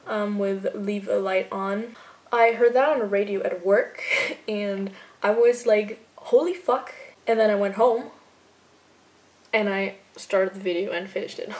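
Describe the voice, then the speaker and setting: A chatty fan video editor from Austria, German being her first language, responds to viewer questions in a laid-back Q&A vlog. Her mid-range voice has a darkish tone, and she laughs easily while filling her talk with "like" and other fillers.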